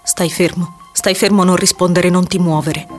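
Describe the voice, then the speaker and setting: Woman reading as a gentle middle-aged father, soft, lowered and unnaturally steady, from an audiobook. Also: moderate pace, soft background music, natural voice. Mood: calm gentle.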